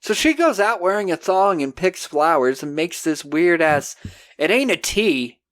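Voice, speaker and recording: A man hosting a podcast, recapping a film in a casual, animated, jokey way. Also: high voice, measured pace. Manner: animated storyteller, jokey, acting out scenes. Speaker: podcast host.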